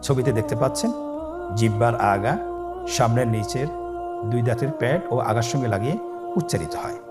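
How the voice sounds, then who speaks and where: A man teaching Arabic letters for Quran reading step by step, calm and patient, with a Bangladeshi accent, drawing out each letter sound for listeners to repeat. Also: mid-range voice, fairly quick. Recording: voice over background music.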